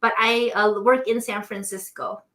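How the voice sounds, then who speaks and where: A woman's voice: mid-range voice, steady tone, measured pace, a bit bright. A woman from the Philippines, a nurse and business owner, answering interview questions in a chatty way with frequent ums and light laughs. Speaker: interview guest, nurse and entrepreneur.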